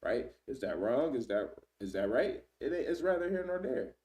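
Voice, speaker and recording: A man's voice: medium pitch, very animated, a little mellow, recorded from a distance. A man in his thirties giving casual Bible teaching, talking loosely with frequent "man" and "right?", reading verses aloud and stopping to look things up. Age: 30s. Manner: conversational, fills with "man" and "right?"; reads scripture aloud and pauses to search.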